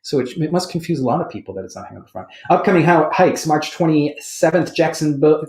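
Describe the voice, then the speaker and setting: A man's voice: a little high, fast talker. A man hosting a podcast in casual chat, rambling and correcting himself as he goes. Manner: rambling, self-correcting, animated. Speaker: podcast host. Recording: roomy studio echo.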